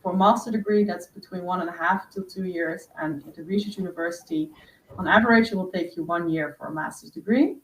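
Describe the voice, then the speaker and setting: A woman's voice: on the low side, brisk, a bit bright. A woman hosting a webinar for prospective students, explaining step by step with frequent fillers over a video call. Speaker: host. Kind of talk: webinar presentation. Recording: roomy distant mic with faint noise.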